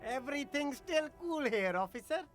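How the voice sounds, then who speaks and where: A woman playing an eager street vendor in a video game, flattering customers with salesy market patter. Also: sits high, normal speed, faint music behind. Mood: coaxing.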